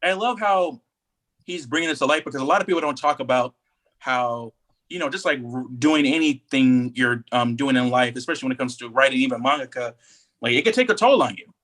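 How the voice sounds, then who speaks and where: On a rough recording, a podcast co-host with a mid-range, slightly bright voice chats casually and with enthusiasm. He's expressive and brisk, speaking emphatically and repeating himself to drive points home.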